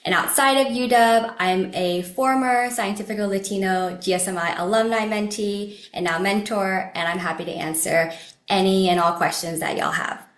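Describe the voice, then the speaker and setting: A young woman from Northern Virginia, a PhD student, giving a measured, organized self-introduction on a video call. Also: medium pitch, steady tone, fairly bright tone, reverberant.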